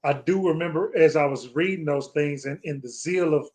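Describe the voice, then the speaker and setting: An American man leads a scripture study in a fairly high voice with a darkish tone and moderate pace. His Bible discussion is reflective, and he often searches for his words.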